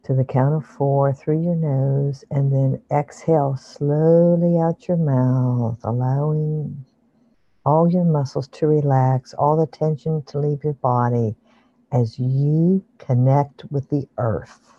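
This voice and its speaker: Online meditation guide: slow, soothing, hushed delivery, medium pitch, dry but dull lo-fi recording. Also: steady tone, no room sound. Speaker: relaxation guide leading an online session. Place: online video call with screen sharing.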